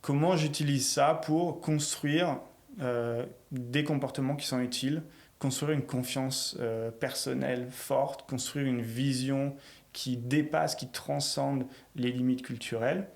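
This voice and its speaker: Animated French man, reflective coach. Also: mid-range voice, measured pace, vocal fry. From France. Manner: animated, reflective, builds lists of short phrases. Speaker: guest, coach for entrepreneurs. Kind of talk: podcast interview conversation.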